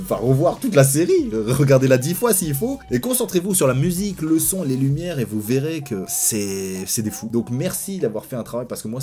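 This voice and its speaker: A young man reviewing a TV series in a casual video, frank and enthusiastic, swinging between excited outbursts and low asides.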